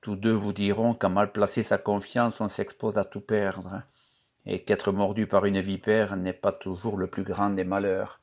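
Man reading a timid young charcoal burner, earnest, soft, low voice, storybook. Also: level tone, a little slow.

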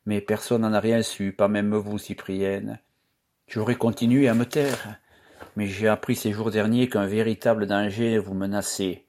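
A man reading aloud, voicing a shy, earnest young charcoal burner who speaks softly. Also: on the low side, level tone, measured pace. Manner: soft, earnest.

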